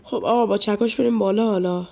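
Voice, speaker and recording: Man, stuffy nasal voice with some fry, casual let's-play YouTuber chatting to his viewers. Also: high voice, fairly even intonation, darkish tone. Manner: chatty, talks to viewers and scolds game characters. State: nasal from a cold. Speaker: gaming YouTuber.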